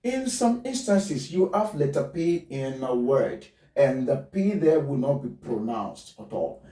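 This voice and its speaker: Slow-spoken male pronunciation teacher. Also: medium pitch, very animated, mellow. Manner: spells words letter by letter, repeats them slowly. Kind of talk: pronunciation lesson. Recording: roomy, distant mic.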